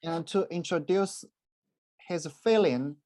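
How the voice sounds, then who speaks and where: Slow hesitant presenter, lots of uh and restarts, formal school talk. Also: medium pitch, dark tone, rough recording. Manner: halting and hesitant, frequent fillers and restarts. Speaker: university presenter and interpreter. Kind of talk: presentation with live interpreting.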